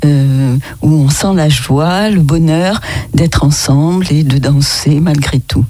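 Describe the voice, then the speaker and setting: A radio host interviewing a guest, asking measured questions and summarizing the answers. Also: medium pitch, dark tone, no echo.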